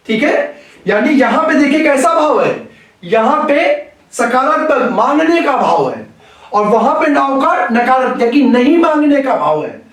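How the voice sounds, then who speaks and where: Male teacher, slow deliberate lecture, repeats phrases; recorded off-mic in a booming room. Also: sing-song, a bit bright, recorded from a distance. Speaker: Hindi grammar teacher. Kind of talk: classroom lecture. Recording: very echoey room, voice away from the mic.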